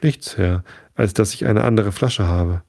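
A man reading a storybook and voicing an eager, poor tenant farmer with a creaky voice. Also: fairly low pitch, a little slow, darkish tone. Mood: confident.

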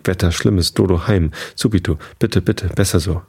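A man's voice: low voice, moderate pace, vocal fry, darkish tone, breathy edge, exaggerated voice. A man voicing a bald Italian waiter with an Italian accent who speaks broken, stammering German. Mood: anxious.

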